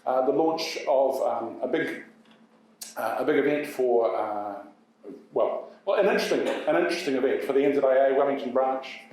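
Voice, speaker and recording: A New man hosting an event as MC, talking in a halting way full of uhs and restarts. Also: mid-range voice, a little mellow. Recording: echoey hall from far off.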